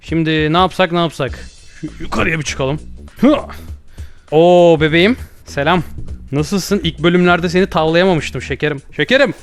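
A young man giving jokey, excitable gameplay commentary with loud comic outbursts. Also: a little high, normal speed, clear, resonant tone. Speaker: gaming YouTuber. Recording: faint background music.

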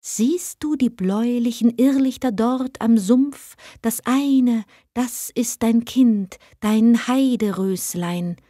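A woman voicing ghostly mist spirits on a moor, murmuring in a hushed way in a storybook reading. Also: fairly high pitch, takes it slowly, hardly any pauses, no room sound, studio quality. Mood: eerie.

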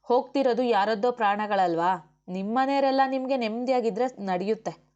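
A woman's voice: fairly high pitch, a little fast, a little mellow, muffled recording, natural voice. Brief: woman reader voicing a principled young woman official, firm and outspoken, in an audiobook. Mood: defiant. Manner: firm, argumentative. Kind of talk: audiobook character voice.

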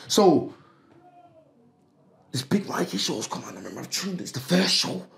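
A man's voice: high-pitched, sing-song, moderate pace, creaky, fairly bright tone. A man telling stories in a casual, slangy way as a podcast guest, often repeating himself. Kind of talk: casual storytelling chat. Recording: roomy echo.

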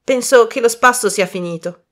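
A woman's voice: on the high side, normal speed, a bit bright, voice pushed up, close to an everyday voice. Woman playing a strained young prankster. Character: young man, prankster, choked with laughter.

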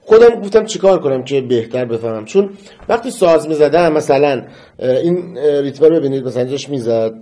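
A man teaching metronome practice in a casual lesson, counting beats aloud and humming a melody slowly. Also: mid-range voice, lively intonation, dark tone. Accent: Persian. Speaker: music teacher.

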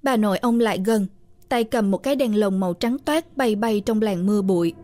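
A woman reading a horror story aloud in a steady, measured narration. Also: medium pitch, dry recording.

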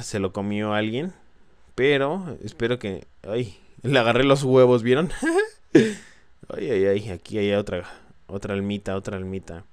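A man's voice: fairly low pitch, clean tone, dry recording. A young man with a Mexican accent commentating a game as he plays, swearing and crying out in nervous alarm. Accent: Mexican Spanish. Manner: jumpy, swearing, nervous exclamations. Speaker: gameplay commentator. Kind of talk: let's play commentary.

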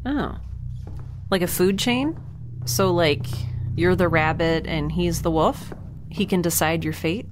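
In an audio drama, a woman voices a blunt, sarcastic young scientist. Her slightly lowish voice moves at a slow pace and sounds dry and unimpressed, with a light ambient hum behind her.

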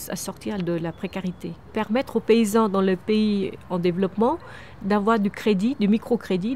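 A Vietnamese woman in her fifties, founder of a microcredit charity, answers interview questions earnestly on a wooden terrace among trees, often restarting and repeating words. Her voice is medium-pitched and a little mellow, with slight background noise.

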